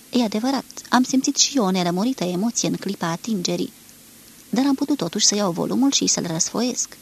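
A woman reading a literary novel aloud in a measured way, lightly acting out the dialogue, from a 1983 archive recording. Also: medium pitch, slightly rough. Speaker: reader of a novel. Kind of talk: scripted literary narration.

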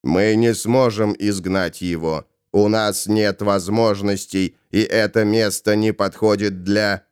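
A man doing a cold inquisitor, low, measured, firm, unyielding, dry sound. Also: fairly even intonation, clear, resonant tone, no echo. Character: cold, resolute male inquisitor, calm and unyielding. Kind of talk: audiobook character voice.

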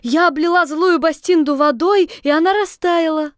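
A woman's voice: very high voice, moderate pace, no echo, clean studio sound, pitched above the performer's own voice. A woman voicing a young girl, timid but brave, speaking earnestly and pleadingly.

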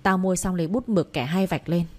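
A woman reading the part of a shrewd, protective elder sister-in-law who speaks in a brisk, bossy way. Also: fairly low pitch, lightly acted.

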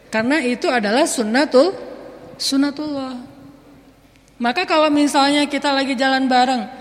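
A man preaching a sermon in a relaxed, joking way, acting out little everyday scenes. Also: extremely high pitch. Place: mosque hall. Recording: echoey mosque hall.

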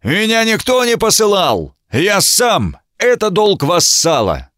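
A man acts out a blustering knight who cannot speak without bellowing, all wounded pride and hot temper. The shouted voice sits high and swings wildly in pitch. It is recorded close and dry, with no room around it. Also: animated, moderate pace, dry recording, close to an everyday voice. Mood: furious.

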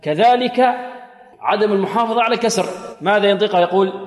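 A man's voice: high voice, fast talker. A man teaching Quran recitation. He asks his students questions, answers them himself and chants short demonstrations. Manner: asks the class questions and answers them, repeats a blessing often. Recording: roomy hall with long reverb.

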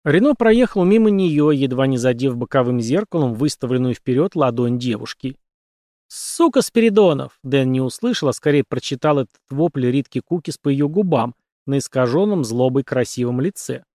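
A man reading an audiobook aloud in an expressive, dramatic manner. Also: medium pitch, normal speed, few pauses, no room sound, studio quality. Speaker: audiobook narrator.

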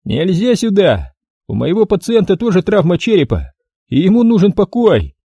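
Man doing a rude shouting hospital guard. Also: sits high, huge pitch swings, moderate pace, vocal fry, husky, no room sound, dull audio, voice pushed up, heavily acted. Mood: hostile. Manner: rude, snapping, threatening. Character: rude bald male hospital guard, hostile.

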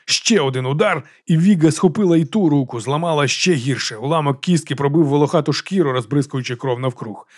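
A man's voice: on the high side, fairly quick, hardly any pauses. A man narrating a fantasy audiobook with dramatic storytelling.

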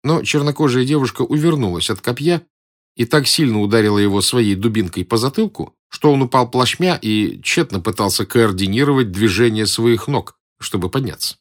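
A man reading a story aloud as its narrator, in an expressive, varied delivery. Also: medium pitch, normal speed. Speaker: audiobook narrator. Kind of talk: scripted narration.

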